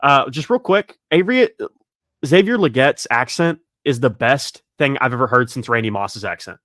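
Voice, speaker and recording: A man hosting a casual sports podcast, joking and excitable, rattling off long lists. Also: medium pitch, moderate pace, dry recording, clean studio sound. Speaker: podcast host.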